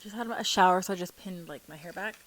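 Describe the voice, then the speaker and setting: A woman's voice: lowish voice, fast talker, fairly bright tone. A woman hosting an eating show, chatting informally to viewers between mouthfuls. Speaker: mukbang host. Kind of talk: casual chat to viewers while eating.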